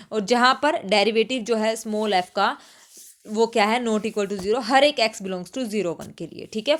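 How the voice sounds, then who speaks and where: A woman teaching a math lesson, asking herself questions and slowing right down to spell out formulas. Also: on the high side, a bit bright. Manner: slows right down when dictating formulas, asks rhetorical questions. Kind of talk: exam solution lecture.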